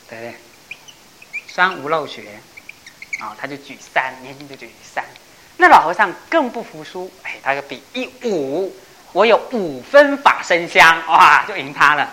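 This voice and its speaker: Woman teacher telling a Buddhist parable, bright and expressive, lowish voice that swings a lot. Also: rough recording. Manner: animated storytelling with laughs, acting out characters; slows down to stress key phrases. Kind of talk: dharma talk storytelling.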